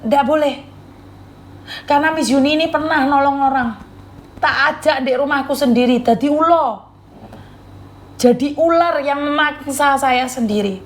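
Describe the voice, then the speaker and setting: A woman's voice: high voice, normal speed, pauses often. A woman host, sternly lecturing her audience and repeating warnings. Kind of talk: lecturing live chat.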